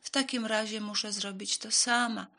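A woman's voice: mid-range voice, fairly even intonation, moderate pace, bright, forceful tone, pitched above the performer's own voice. A woman doing a patient little red hen. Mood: earnest.

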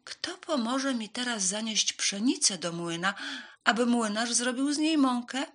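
A hardworking little red hen, as a woman puts her on in a storybook read aloud, asking for help earnestly with lively rises and falls. The voice is bright and slightly breathy. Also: on the high side, a little slow, pitched above the performer's own voice.

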